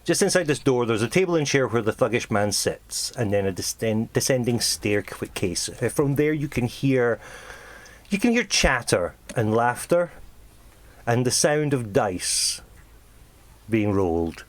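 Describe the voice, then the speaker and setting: Unhurried game master. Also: male voice, medium pitch, expressive. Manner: halting, repeats words when starting a sentence. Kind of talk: narrating a tabletop game.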